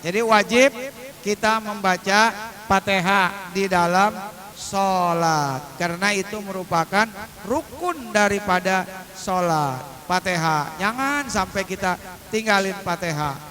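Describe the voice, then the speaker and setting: A man preaching a humorous religious lesson, chanting verses slowly to show their pronunciation and joking in colloquial asides to his congregation. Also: high voice, a crowd in the background. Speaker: Islamic preacher.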